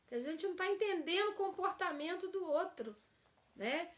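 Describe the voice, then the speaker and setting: A woman's voice: very high-pitched, lively intonation, moderate pace. A woman teaching a church seminar for couples, acting out example phrases and checking in with the class.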